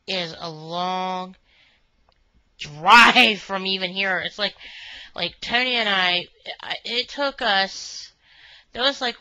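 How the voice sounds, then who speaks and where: A woman's voice: medium pitch, pushed and bright, no room sound. Woman, meandering casual monologue, dry close sound, dull webcam audio. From Northern Kentucky, USA. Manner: chatty, meandering, many fillers like "you know". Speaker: vlogger reviewing a restaurant.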